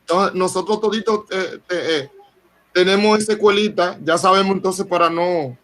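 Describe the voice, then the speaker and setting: High-voiced guy asking the professor questions in an online class, hesitant. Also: fairly even intonation, normal speed, a bit bright. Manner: earnest, hesitant, restarts. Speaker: graduate student. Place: video call meeting.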